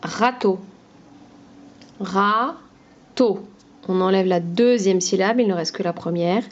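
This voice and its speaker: A woman teaching a phonics lesson to young children, pronouncing each word slowly and clearly, syllable by syllable. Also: on the low side, a little mellow, muffled recording. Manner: slow, clear syllable-by-syllable pronunciation.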